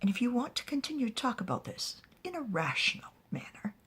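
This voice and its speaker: A weary male mage speaking in a husky, breathy voice, as a woman storyteller puts him on. He is tired but firm, half-whispering his warnings. The tone stays bright and lively. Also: fairly high pitch, brisk, voice pushed up, heavily acted. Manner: tired, insistent, quietly firm.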